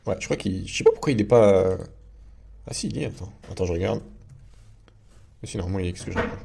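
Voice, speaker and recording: A man's voice: low-pitched, lively intonation, fast, vocal fry, warm tone, a little hiss or hum. A man giving a casual screen-share tutorial as a video host, talking in a chatty way with many fillers and restarts.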